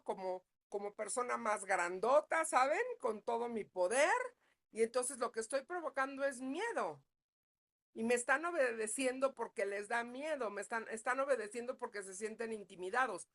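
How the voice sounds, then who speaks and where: A woman's voice: on the high side, fairly bright tone. Chatty woman teaching parents. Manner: conversational, checks in with listeners often. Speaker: psychologist leading a parenting talk. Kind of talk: live online parenting class.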